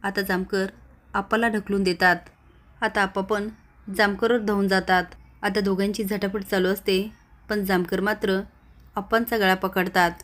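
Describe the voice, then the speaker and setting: A woman retelling a TV serial episode in plain, steady narration. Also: medium pitch, moderate pace. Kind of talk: storytelling recap of a TV serial.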